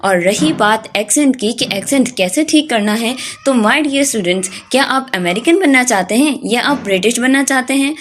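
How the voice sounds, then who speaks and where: A woman from Pakistan with a Pakistani accent, teaching English phrases in an online lesson. She addresses her students directly, repeats key words for emphasis and says each English phrase slowly and deliberately. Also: on the high side, expressive, a bit bright.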